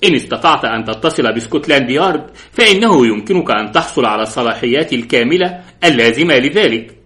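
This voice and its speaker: A man voicing a calm, confident middle-aged male detective who speaks politely and with quiet insistence. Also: medium pitch, fast, lightly acted. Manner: polite, composed, gently insistent.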